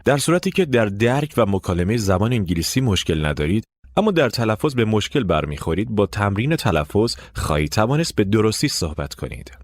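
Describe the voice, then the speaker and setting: An English teacher narrates a scripted course, explaining step by step and prompting listeners to repeat after him. His voice is fairly low and sing-song with few pauses, recorded at studio quality without echo.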